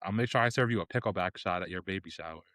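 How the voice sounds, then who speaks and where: A man's voice: low voice, racing, a bit bright, no echo. A man co-hosting a podcast in casual chat, recapping with frequent laughter. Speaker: podcast co-host.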